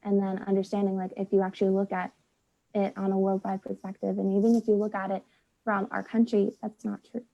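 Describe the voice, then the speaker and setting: A woman's voice: medium pitch, completely flat delivery, fairly quick, creaky, muffled recording. A young woman from the United States talks casually as a guest, chatty and full of "like", acting out quotes as she goes. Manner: chatty, lots of "like", acts out quotes. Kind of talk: casual conversation.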